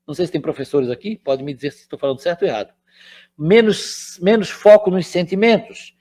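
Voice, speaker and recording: At a spiritist center, an older man lectures in a relaxed, conversational way with a noticeably high voice. He keeps turning to the audience to make sure they're following.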